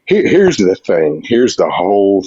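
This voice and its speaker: A deep, husky-voiced man in his sixties calls in and argues combatively, repeating himself and throwing accusations. His audio is dull and muffled like a call line, and it sounds dry. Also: very animated, unhurried, warm tone, dry recording. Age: 60s. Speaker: caller. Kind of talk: heated call-in argument.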